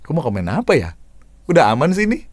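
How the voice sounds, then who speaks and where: Lively man critiquing voice-overs. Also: fast, no echo. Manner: animated, demonstrates lines with big pitch swings. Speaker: voice-over coach reviewing submissions. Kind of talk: casual spoken critique.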